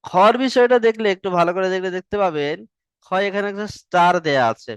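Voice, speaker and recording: Smooth-voiced man teaching letters. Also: high-pitched, animated, fast talker, dry recording. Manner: patient, repeats and drills letters, stretches sounds long. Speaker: Quran reading teacher. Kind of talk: online class lesson.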